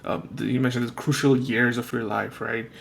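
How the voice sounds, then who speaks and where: A man's voice: medium pitch, little pitch movement, moderate pace, vocal fry. A man hosting a podcast, asking loose, musing questions with many fillers in a casual conversation. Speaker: podcast host. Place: lives in Australia.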